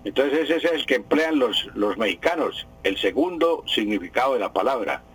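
Radio language expert, husky voice, patient and repetitive explainer, broadcast sound. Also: male voice, mid-range voice, animated, normal speed, fairly bright tone, low-quality recording. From Colombia. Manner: explanatory, repeats key words. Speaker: language expert answering listener questions. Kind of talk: radio Q&A segment.

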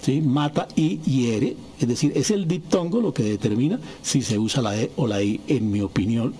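A man's voice: medium pitch, moderate pace, dark tone. A man on a radio panel, relaying a listener's note with hesitant fillers and seeking agreement.

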